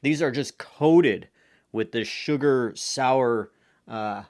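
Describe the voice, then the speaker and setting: A man speaks at an unhurried, slow pace with a mid-range voice. He is eating sour candy while he talks, chatting casually to viewers as a reviewer and reacting to how tart it is. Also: mid-range voice, darkish tone.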